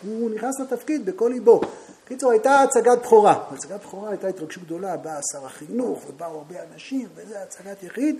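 Storytelling for his Talmud students, a man whose voice sits high asks them questions along the way and periodically rises into loud, animated outbursts, over a slight hiss or hum.

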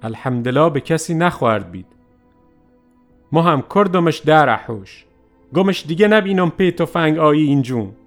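A man's voice: fairly high pitch, lively intonation. Man telling a story over faint music. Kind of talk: first-person storytelling narration.

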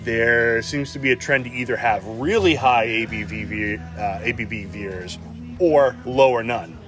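Man, podcast host, mid-pitched voice, relaxed, reading news stories, music in the background. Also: measured pace. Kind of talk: casual podcast chat.

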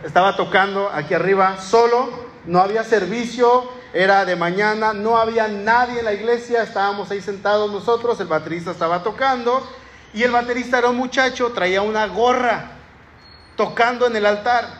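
A pastor preaches in a plain, conversational way, calling his listeners brothers. His voice sits high for a man. The sanctuary around him gives the sound a roomy echo with a faint hum behind it. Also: a little fast, fairly bright tone, highs cut off. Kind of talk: sermon. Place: church sanctuary. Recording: echoey church room.

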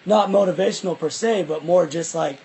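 A young man in casual, reflective conversation, halting and repeating himself, with some loose swearing. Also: high voice, a little mellow, a little hiss or hum, low-quality recording. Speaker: musician.

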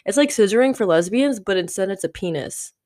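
A woman's voice: medium pitch, lively intonation, brisk, a little mellow. A woman in her twenties hosting a solo podcast, talking candidly and rambling with lots of "like" fillers. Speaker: podcast host.

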